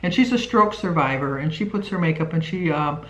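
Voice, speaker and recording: A woman's voice: deep voice, a little fast, fairly bright tone. A woman in her sixties chatting casually on a home vlog, rambling with lots of fillers. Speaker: vlog co-host. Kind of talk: casual chat. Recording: roomy, dull lo-fi sound.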